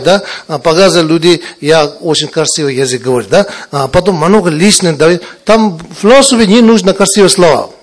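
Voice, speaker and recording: A man with a foreign accent, not a native Russian speaker, giving a Buddhist teaching in halting, broken Russian and often checking that listeners understand. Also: on the high side. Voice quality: broken Russian with wrong grammatical endings. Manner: halting, repetitive, often checking understanding with short tag questions. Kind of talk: spiritual teaching talk to students.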